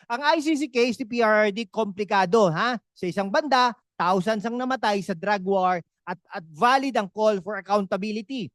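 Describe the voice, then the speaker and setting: A woman hosting lively political commentary, animated and peppering her lines with little "ha" and "no" tags as she mixes in English phrases. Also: medium pitch, normal speed, no room sound, studio quality. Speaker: host of a political commentary channel.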